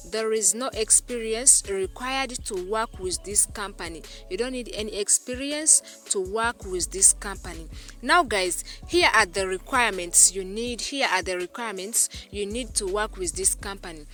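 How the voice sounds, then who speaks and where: A Ugandan woman hosts a screen-recorded tutorial voice-over for her YouTube channel, speaking in a medium-pitched, fairly bright voice at a moderate pace with faint music behind. She repeats herself a lot and keeps calling her viewers "guys".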